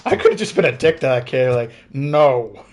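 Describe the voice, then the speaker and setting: A man's voice: medium pitch, wildly swooping pitch, quick pace, music in the background. A man giving casual gameplay commentary with sarcastic, joking asides.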